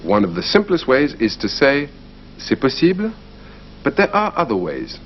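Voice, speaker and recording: A man with a medium-pitched, brisk voice presents a language course in scripted narration, explaining things clearly and with lively energy. The broadcast audio is slightly muffled, with a faint hiss.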